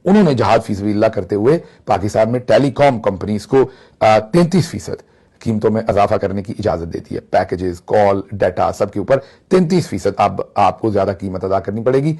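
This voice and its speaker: A man's voice: fairly low pitch, lively intonation, brisk, a little mellow, husky. A man from Pakistan giving mocking political commentary, slipping into Punjabi phrases.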